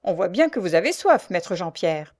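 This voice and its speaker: A woman voicing a rough male archer who sneers and teases loudly, reading a storybook. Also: lowish voice, sing-song, moderate pace, dry recording, clean studio sound. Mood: mocking. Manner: sneering, loud teasing.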